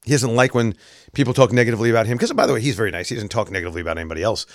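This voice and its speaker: A man's voice: lowish voice, racing, dry recording, clean studio sound. Sarcastic male talk show host. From New York. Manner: sarcastic, wry asides. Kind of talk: casual political commentary.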